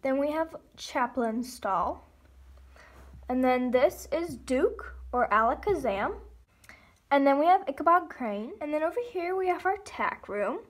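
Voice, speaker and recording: A model horse hobby vlogger with a high voice gives a casual guided tour of her toy barn, standing beside it in a room at home. She moves at a measured pace, reeling off names in a steady chain of "and then."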